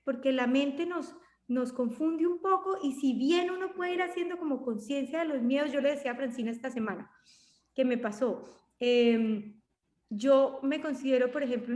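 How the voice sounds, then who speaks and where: A woman's voice: high-pitched, darkish tone. A Colombian woman in her forties, a talkative podcast co-host, reflecting in casual conversation with many restarts. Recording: roomy echo.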